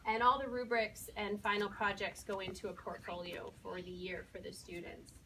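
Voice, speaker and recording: In this informal talk, a first-grade teacher shows off student work and explains it step by step. Her mid-range voice is bright and pushed, with a flat delivery at normal speed. The mic sits far away, and faint room noise is audible.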